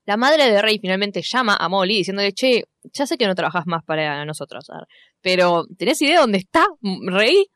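A young woman with an Argentine accent, recapping a film in casual chat, telling it in an animated way and acting out the quotes. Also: mid-range voice, normal speed, no echo. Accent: Argentine Spanish. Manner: animated storytelling, acts out quotes, swears casually.

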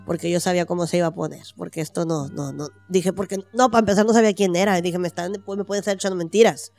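A woman's voice: lowish voice, racing, soft background music. Mexican woman telling a story animatedly. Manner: animated storytelling, acting out quoted voices, slangy. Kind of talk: casual chat.

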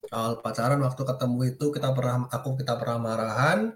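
A man at an ordinary middle pitch, recounting his relationship as a talk-show guest. He acts out little quoted exchanges and often lets his sentences trail off quietly. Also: fairly even intonation, quick pace, reverberant. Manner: storytelling, acts out quoted lines, trails off softly. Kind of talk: casual chat.

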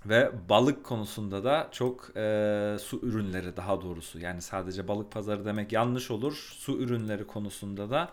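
A man's voice: on the low side, normal speed, hardly any pauses. Casual man listing travel facts. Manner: lists facts, backchannels often. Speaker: podcast co-host. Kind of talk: casual chat.

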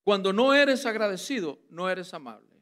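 High-voiced Costa Rican man preaching. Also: animated, moderate pace, fairly bright tone. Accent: Costa Rican Spanish. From Costa Rica. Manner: playful, teasing, joking with the congregation. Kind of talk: lively sermon.

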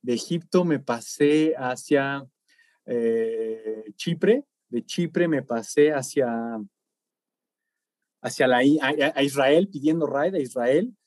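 A man's voice: medium pitch, slow, no room sound, clean studio sound. A man, a podcast guest in casual chat, reeling off travel stops and laughing often. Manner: animated, laughs often, long lists of places.

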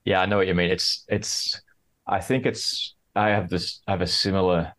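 A man's voice: low-pitched, little pitch movement, normal speed, fairly bright tone. A man as a podcast guest, talking casually and hesitantly, full of "like" and restarts. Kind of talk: casual interview chat.

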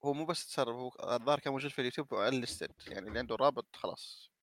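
A man's voice: medium pitch, racing, fairly bright tone, no room sound. A man, co-hosting a casual chat about video games and dropping in the odd English word. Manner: drops occasional English words into Arabic. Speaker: gaming show co-host.

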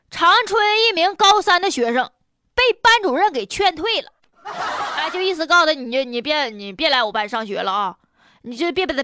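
High, animated Northeastern Mandarin woman host. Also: no room sound. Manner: blunt, colloquial, opinionated delivery. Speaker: host of a news commentary show. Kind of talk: humorous, colloquial news commentary.

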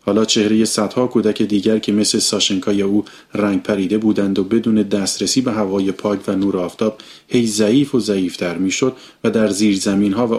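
A man's voice: lowish voice, darkish tone. A man reading a story aloud as an audiobook, sharing narration and character lines.

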